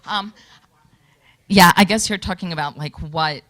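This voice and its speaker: Holding a handheld microphone in a conference hall, an audience member from Michigan offers an earnest, nervous public comment at a workshop. Her fairly low voice is a bit bright and comes a little slowly.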